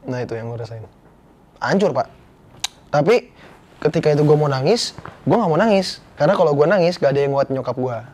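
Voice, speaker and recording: A man's voice: fairly high pitch, expressive, fairly quick, pauses often, darkish tone. A young man, a guest actor telling a personal story in casual, slangy, earnest talk. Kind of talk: casual interview chat.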